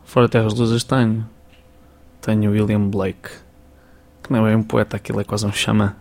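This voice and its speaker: A young man with a European Portuguese accent, a musician guest chatting casually in a radio interview, animated and full of verbal tics. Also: lowish voice, normal speed, creaky. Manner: chatty, animated, repeats "estás a perceber".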